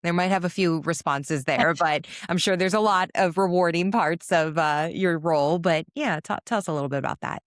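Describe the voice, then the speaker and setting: A woman's voice: lowish voice, normal speed, few pauses, no echo, studio quality. A woman hosting an interview podcast, asking questions and responding in an affirming, enthusiastic way. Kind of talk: interview conversation.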